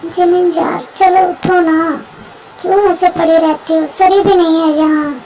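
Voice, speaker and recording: A high young voice plays a pushy, restless young woman friend in a homemade story, nagging loudly. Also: little pitch movement, a little slow, soft background music, low-quality recording.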